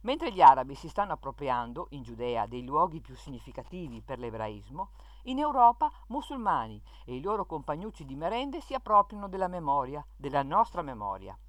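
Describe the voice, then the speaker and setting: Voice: medium pitch, big pitch swings, fairly quick, no room sound. A speaker reading an opinion column aloud in an indignant tone, with sarcastic rhetorical questions. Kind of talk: scripted reading of an opinion piece.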